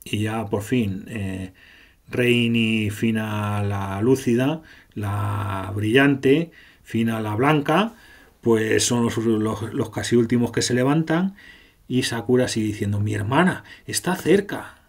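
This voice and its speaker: A man's voice: lowish voice, slow. A man from doing casual, sarcastic gameplay commentary, swearing freely as he retells the story.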